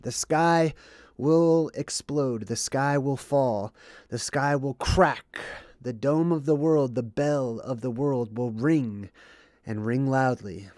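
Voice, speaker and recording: He talks slowly, his medium-pitched voice a little mellow, in clean studio sound with no echo. The man is hosting a livestream, explaining and reading chat while somewhat congested and under the weather, often checking in with "okay" or "right."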